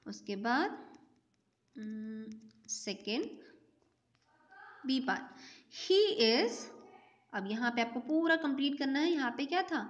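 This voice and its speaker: A woman teaching a class at a slow, unhurried pace, her voice sitting fairly high. She explains step by step, poses questions and answers them herself. The audio is dull and lo-fi. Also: animated. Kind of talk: online class lesson.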